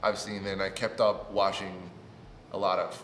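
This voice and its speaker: Here the new YouTuber's voice is deep and his pace moderate. He's a Puerto Rican man in his twenties, Spanish by birth, giving a lively, talkative channel introduction with mounting excitement, recorded in an echoey room with long reverb and slight background noise.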